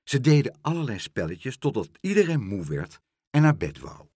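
A man reading a children's story aloud with expressive delivery. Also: mid-range voice, dry recording, clean studio sound. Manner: expressive, unhurried.

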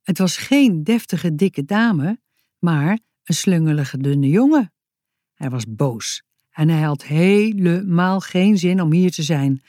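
A woman author reading her own children's story aloud, slow and expressive. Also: lowish voice, no echo, clean studio sound.

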